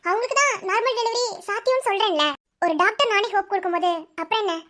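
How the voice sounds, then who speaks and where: A woman voicing a calm woman doctor who reassures worried relatives in a firm, soothing way. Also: extremely high pitch, fast talker. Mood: reassuring. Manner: soothing, firm, mixes English words. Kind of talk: cartoon voice acting.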